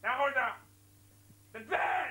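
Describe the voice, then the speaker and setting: A man's voice: very high voice, pushed and bright, heavily acted. A man playing a strict, scornful male yeshiva supervisor who barks orders and insults in an amateur comedy skit. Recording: roomy echoey room.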